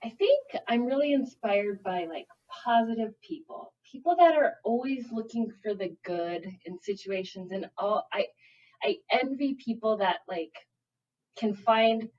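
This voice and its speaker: A woman's voice: fairly high pitch, a little mellow, far from the mic, muffled recording. A woman with a Minnesota accent, a math specialist chatting as a guest, who acts out her own thoughts in quoted asides. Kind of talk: casual interview chat.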